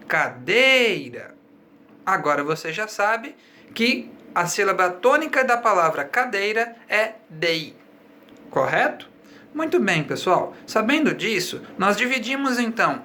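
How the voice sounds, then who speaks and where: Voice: mid-range voice, pushed and bright. A teacher with a Brazilian Portuguese accent giving a recorded video lesson for fifth graders, explaining patiently step by step with examples.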